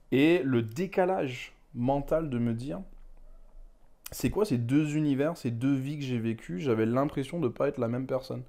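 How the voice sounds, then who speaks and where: A young man from West Africa speaks as an interview guest, with a medium-pitched voice. He talks in a loose, reflective way, circling back and adding little asides as he thinks. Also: dark tone. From Ghana, West Africa. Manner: rambling, reflective, frequent "tu vois". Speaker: manga author guest. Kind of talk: candid conversational interview.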